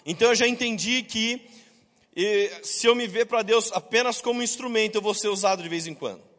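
A man's voice: high-pitched, fairly quick, a bit bright, big-room sound. A man preaching a sermon to his congregation, telling stories and acting out the voices of the people in them, with jokes along the way. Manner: storytelling, acts out quoted voices. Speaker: pastor. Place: church.

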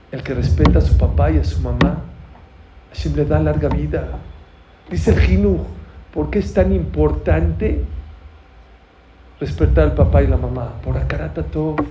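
A man giving a sermon to young people in an auditorium, telling stories, acting out dialogue and asking the audience questions. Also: fairly high pitch. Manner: storytelling, acts out dialogue, asks the audience questions. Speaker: religious teacher. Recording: dull lo-fi recording, faint noise.

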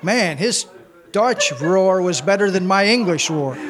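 A man preaching emphatically, pausing often for an interpreter and repeating key words. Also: sits high, expressive, a crowd in the background. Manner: emphatic, repetitive, shifts from shouts to hushed tones. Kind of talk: sermon with live interpreter.

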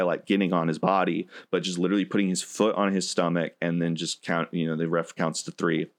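Deep-voiced man recapping a wrestling match. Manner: animated storyteller, many fillers. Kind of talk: casual chat, retelling a match.

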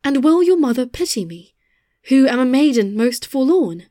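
A man's voice: very high-pitched, big pitch swings, moderate pace, no room sound, clean studio sound, voice pushed up. A man voicing an eerie, commanding noblewoman in a dramatic poetry reading, at times sinking to a hollow whisper. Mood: forlorn. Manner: shifts to a hollow hushed whisper.

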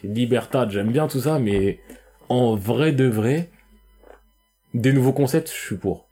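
A man's voice: medium pitch, takes it slowly, mellow, soft background music. A young man in casual, slangy podcast chat, explaining his point insistently as a co-host.

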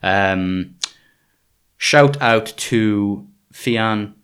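A man's voice: on the low side, extremely slow, fairly bright tone. A man hosting a podcast in casual chat, rambling with many fillers and restarts. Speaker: podcast host.

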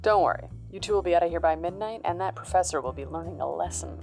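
A woman's voice: fairly low pitch, quick pace, vocal fry, darkish tone, soft background music. A woman playing a cocky, teasing 1930s-style gangster boss in a noir audio drama, talking in sardonic old-time slang.

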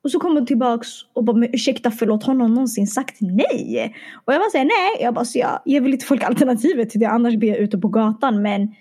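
A woman in casual conversation, telling an animated story and acting out the dialogue, with English and Arabic phrases mixed in. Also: a little high, slightly rough. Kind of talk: casual chat.

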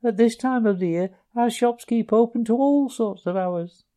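A man's voice: very high voice, normal speed, dark tone, voice pushed up. A man voicing a small, respectful young field mouse. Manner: polite, respectful.

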